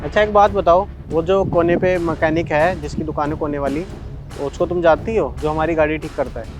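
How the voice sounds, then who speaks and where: A man presses his wife with accusing questions. His voice is high for a man and he speaks fast. Faint music sits behind him. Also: steady tone. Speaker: husband in a short drama. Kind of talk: scripted short-video drama acting.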